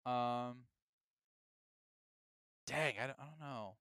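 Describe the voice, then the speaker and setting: A man co-hosting a podcast in casual chat, animated and jokey, often slipping into silly impressions. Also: medium pitch, slow pace, smooth, no room sound. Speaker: podcast co-host.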